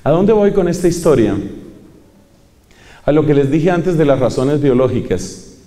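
A man's voice: on the high side, lively intonation, unhurried, dark tone. A man preaching a sermon to a congregation, emphatic, repeating key phrases and putting questions to his listeners. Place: large church hall with congregation. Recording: long hall reverb.

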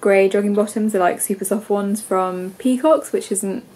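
At normal speed and in a mid-range, darkish voice, a congested English woman in her twenties chats casually to the camera she's holding at arm's length. A vlogger with a stuffy nose, she rambles from her bedroom at home with lots of ums and likes.

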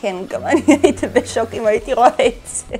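A woman's voice: on the high side, animated, mellow, faint music behind. A woman hosting a casual reaction video, laughing often and exclaiming back at the clips. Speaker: host reacting to funny clips.

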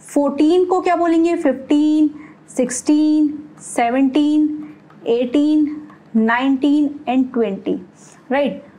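High-voiced woman teaching a lesson. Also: slow, warm tone. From India. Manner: asks questions then answers them herself, mixing in English words. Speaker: German language teacher. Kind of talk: explaining a language lesson step by step.

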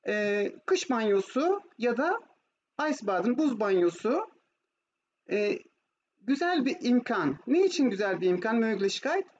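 A woman's voice: on the high side, sing-song, a little slow, darkish tone. A woman with a Turkish accent teaching German online, switching between Turkish and German as she explains and asks checking questions. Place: online video class with screen share. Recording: muffled, noisy online call audio.

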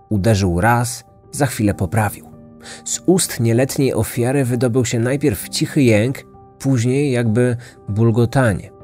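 A man reading a scripted true-crime story in a measured, dramatic way. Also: on the low side, warm tone. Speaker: podcast narrator.

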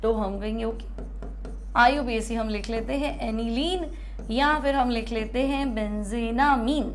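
Female teacher from India, high voice, patient step-by-step board lesson that repeats terms and questions itself. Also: a little hiss or hum. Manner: explains step by step, repeats terms slowly, asks and answers herself. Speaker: chemistry teacher.

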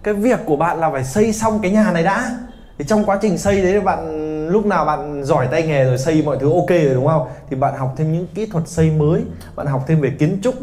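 A man in his thirties from Vietnam teaching an English pronunciation class, lively and teasing his students. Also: on the high side. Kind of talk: classroom lesson.

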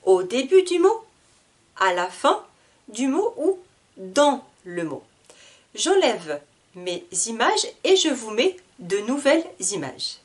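Woman teacher, slow reading lesson, lively high pitch, splits each word into syllables. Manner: spells out words syllable by syllable, repeats each word. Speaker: French teacher. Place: classroom with whiteboard.

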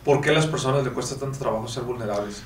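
A man's voice: mid-range voice, very fast, reverberant, distant mic. A man from northern Mexico with a Mexican Spanish accent, hosting a casual podcast interview and asking candid questions. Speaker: podcast host.

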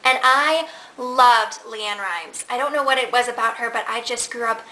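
A Nebraska woman in her twenties tells stories in a casual Q&A vlog from her living room, speaking to a camera at desk distance in front of her. Her voice is fairly high at a moderate pace, and she is chatty and animated, gesturing as she talks. The audio is poor, with a little hiss or hum.

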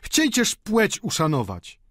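A man reading aloud voices a timid, soft-hearted old lodger pleading in a raised, earnest voice. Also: high-pitched, huge pitch swings, slow pace, dry recording, studio quality, pitched above the performer's own voice, heavily acted.

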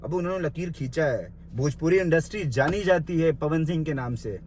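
A man's voice: fairly high pitch, lively intonation, moderate pace, darkish tone, slight background noise. A young man in a small room delivering an angry, insulting rant into his phone, mocking and confrontational. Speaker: social media commentator.

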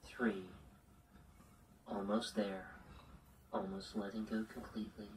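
A man guiding a listener into hypnosis with slow, soothing, repetitive suggestions. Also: fairly low pitch, flat delivery, a little mellow, distant mic, a little hiss or hum. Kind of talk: guided hypnosis induction.

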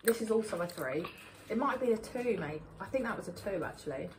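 A woman's voice: mid-range voice, lively intonation, fairly quick. A young British woman chatting casually as she co-hosts a homemade video in a living room. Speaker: co-host of a family candy taste challenge. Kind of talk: casual chat. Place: lived-in living room, indoors. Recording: clear background noise.

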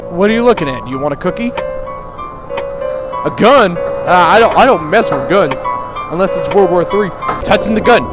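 A man's voice: high voice, lively intonation, normal speed, rough recording. A young man streaming a horror game, reacting in a scared, joking way, jumpy, pleading and rambling crudely. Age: young adult. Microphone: headset. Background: loud game music.

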